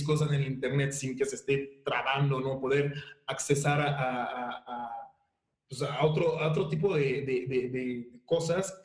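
A man with a Mexican Spanish accent, a guest actor talking casually in an interview, halting with many fillers and restarts. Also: medium pitch. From Haiti and Mexico. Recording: roomy echo.

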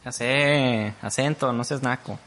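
Bright-voiced young Mexican man chatting. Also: mid-range voice, unhurried. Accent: Mexican Spanish. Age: young adult. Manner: slangy, animated, swearing. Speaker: podcast co-host. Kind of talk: casual chat.

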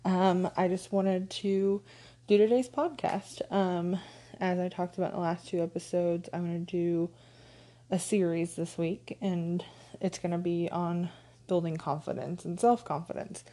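Woman podcast host, stuffed-up nose, low-ish mellow voice, casual coaching chat full of ums. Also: steady tone, measured pace. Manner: conversational, frequent ums, light laughs. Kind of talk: casual solo podcast talk.

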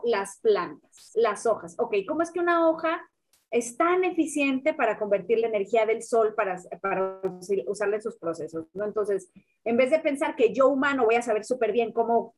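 Chatty Mexican woman explaining, higher voice. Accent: Mexican Spanish. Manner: animated, casual slang, frequent fillers. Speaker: guest expert on biomimicry. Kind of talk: conversational explaining.

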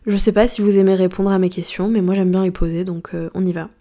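A woman's voice: lowish voice, fairly even intonation, quick pace, warm tone. A woman hosting a solo coaching podcast, chatting casually and directly to the listener and posing reflective questions.

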